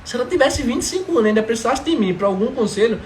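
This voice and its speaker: A man's voice: very high-pitched, rapid-fire. A man, talking casually and emphatically about his family as a father and often checking that he is understood. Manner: animated, emphatic, keeps asking "entendeu?". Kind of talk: casual testimony talk. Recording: echoey room with faint background noise.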